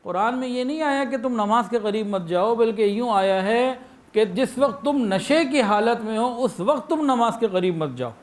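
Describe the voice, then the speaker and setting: A man's voice: extremely high pitch, animated. A man with a Pakistani Urdu accent delivering a sermon, illustrating his points with anecdotes and acted-out phrases. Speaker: preacher.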